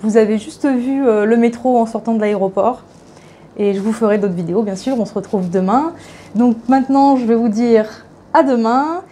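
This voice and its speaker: Young woman, travel vlogger, casual walkthrough, slightly high voice, filler-heavy chatter, handheld camera. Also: normal speed, warm tone, slight background noise. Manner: chatty, hesitant, lots of fillers and restarts. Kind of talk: casual vlog chat, walking tour. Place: guest house indoors, walking around.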